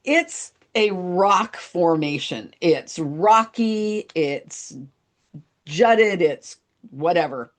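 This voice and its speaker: A woman's voice: fairly low pitch, lively intonation, extremely slow. A middle-aged woman co-hosting a podcast, telling a story in casual chat and laughing at herself. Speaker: podcast co-host.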